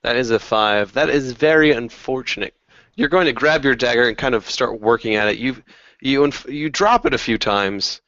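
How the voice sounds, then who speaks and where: A young man narrating as game master, relaxed and filled with ums. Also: medium pitch, normal speed, dry recording. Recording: dull dry lo-fi recording.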